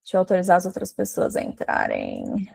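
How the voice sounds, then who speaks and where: A woman from Brazil teaching English in a live online class, chatty and animated, speaking straight to her viewers. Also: on the low side, fairly quick, gravelly, breathy edge. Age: adult with a daughter.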